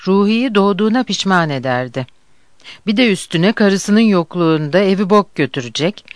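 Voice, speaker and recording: An audiobook narrator reading a novel aloud in a measured, even way. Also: mid-range voice, no room sound, clean studio sound.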